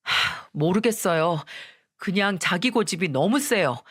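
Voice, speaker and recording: A woman's voice: lowish voice, lively intonation, a little slow, a bit bright, dry recording. Brief: woman playing a fed-up young husband, complaining, dry close sound. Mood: exasperated. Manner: complaining, exasperated. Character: frustrated young husband and son.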